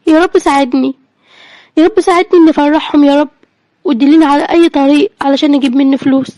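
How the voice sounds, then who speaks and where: امرأة تؤدي صوت أم أرملة قلقة بلهجة مصرية. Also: female voice, sits high, steady tone, quick pace, warm tone, dry recording, close to an everyday voice. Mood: pleading. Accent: Egyptian Arabic. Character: poor widowed young mother, worried and tender.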